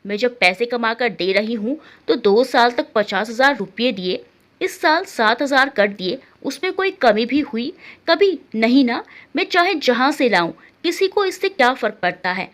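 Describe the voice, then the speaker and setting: A woman's voice: a little high, lively intonation, normal speed. A woman playing a fierce, defiant young woman. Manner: shouting, defiant.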